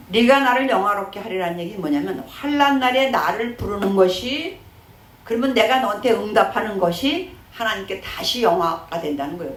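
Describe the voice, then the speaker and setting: A middle-aged woman pastor preaches in a conversational way and keeps asking her congregation rhetorical questions. Her voice sits at a middle pitch. It rings through a roomy church hall over a faint background hum. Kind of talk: sermon. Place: church sanctuary.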